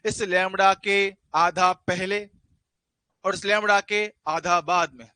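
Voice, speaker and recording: A man's voice: high voice, steady tone, takes it slowly, bright, forceful tone, clean tone, dry recording. A man teaching a physics class, repeating key terms and breaking off into teasing jokes with his students. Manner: jokey, teasing asides to students; repeats key phrases for emphasis.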